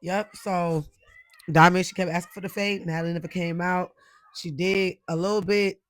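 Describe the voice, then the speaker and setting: A man's voice: sits high, fairly even intonation, moderate pace, a bit bright, no room sound. A man hosting a casual reality show recap, commenting in slang and putting questions to viewers. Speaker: recap host.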